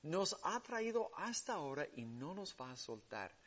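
A man preaching a sermon with emphatic stresses that drop to hushed, soft passages. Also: big pitch swings, moderate pace, muffled recording. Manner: emphatic preaching that swings between loud stresses and hushed lows.

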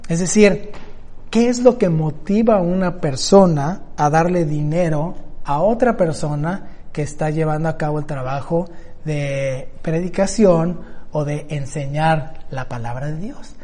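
High, mellow-voiced man preaching. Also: measured pace. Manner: explanatory, asks rhetorical questions. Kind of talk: bible teaching sermon.

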